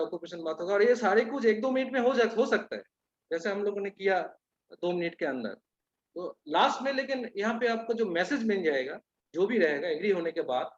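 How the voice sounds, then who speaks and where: A man giving a sales training talk in an instructive way, pausing often on hesitant fillers. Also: sits high, muffled recording.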